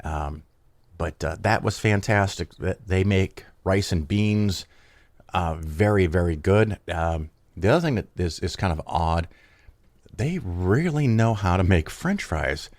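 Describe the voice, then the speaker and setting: Nursing a cold, this podcast host chats on his own show in a casual solo talk, drifting off track and fixing his words as he goes. His low, darkish voice is expressive and a little slow, and the recording has no room sound.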